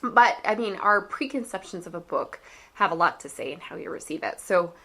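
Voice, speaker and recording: A woman's voice: on the low side, a little fast. A woman co-hosting a podcast, talking animatedly about books, acting out little quotes and saying "like" a lot. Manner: animated and chatty, acts out quotes, laughs, says "like" often. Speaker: podcast co-host. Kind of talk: casual book discussion.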